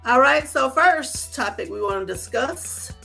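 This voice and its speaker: Woman, podcast host, casual chat, bright voice. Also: high voice, animated, a little slow, gravelly, faint music behind. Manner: reads a letter aloud; loose, conversational.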